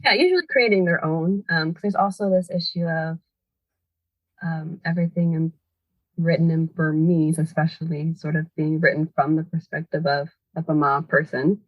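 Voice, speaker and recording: This podcast guest, a woman who organizes language education, has a deep voice with fairly even intonation and talks at a moderate pace. Her interview answers are long, considered explanations, loaded with "sort of" and "kind of." The recording has no echo, though the highs are cut off.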